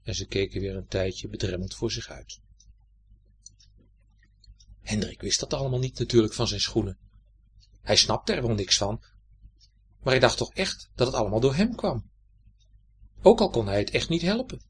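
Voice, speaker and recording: A man reading a children's story aloud in an expressive, lilting storytelling manner. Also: mid-range voice, normal speed, pauses often, slightly rough.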